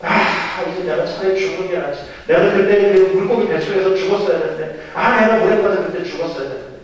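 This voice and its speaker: Man doing a petulant, indignant prophet, high and loud, heard from across a reverberant hall. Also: big pitch swings, fast talker. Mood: furious. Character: indignant, sulking male prophet. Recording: echoey church hall, distant mic.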